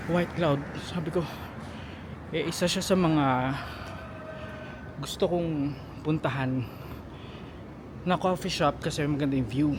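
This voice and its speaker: A travel vlogger with a slightly high voice walks uphill outdoors on city streets, a bit out of breath, recording on a handheld phone or camera. He chats casually and tells a story, mixing Filipino and English, with street traffic noise behind his voice.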